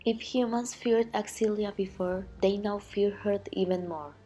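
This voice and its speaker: A woman's voice: mid-range voice, fairly even intonation, a little slow, warm tone, soft background music. A woman reads a scripted ancient myth as narration, in a grave storytelling manner.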